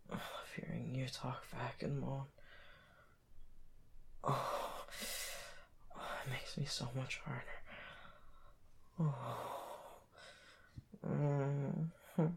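A man performing an intimate audio roleplay, talking in soft whispers with drawn-out murmurs and sighs. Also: medium pitch, creaky.

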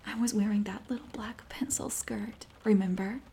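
A woman playing a seductive, teasing, dominant neighbor in a whispered role-play, breathy and coaxing, speaking intimately right in the listener's ear. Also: mid-range voice, steady tone, warm tone, a little hiss or hum, natural voice. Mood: teasing, withholding. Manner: slow, coaxing, breathy delivery.

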